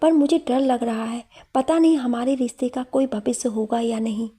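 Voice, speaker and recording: A woman voicing a shy, coy young female student in a read-aloud story, with a breathy, fairly high voice. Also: steady tone, normal speed, dark tone. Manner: shy, teasing.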